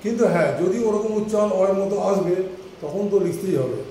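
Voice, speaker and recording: A man's voice: high-pitched, quick pace, warm tone, heavy reverb, far from the mic, slight background noise, poor audio. A man teaching an English class, patiently repeating and spelling out letters one by one. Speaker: English tutor. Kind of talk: online class explanation.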